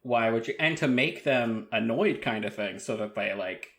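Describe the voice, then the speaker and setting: A man's voice: on the low side, animated, moderate pace, fairly bright tone. A man co-hosting a podcast, chatting casually and rambling with many fillers. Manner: rambling, reactive, filler-heavy. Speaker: podcast co-host. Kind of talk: casual chat.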